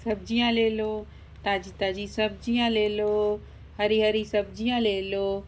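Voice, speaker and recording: A woman's voice: mid-range voice, flat delivery, a little slow, a little hiss or hum, lightly acted. A woman voicing a wily male vegetable seller in a doll story, calling out his wares in a sing-song way. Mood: hawking. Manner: sing-song hawking calls.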